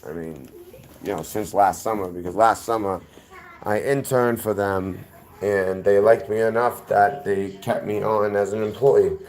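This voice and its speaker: A Boston man from the city's inner neighborhoods, with a strong local accent, tells his story as a guest in a rambling way, drifting into tangents, circling back and correcting himself. His voice is lowish and a little mellow, with fairly even intonation and a measured pace. It's casual storytelling.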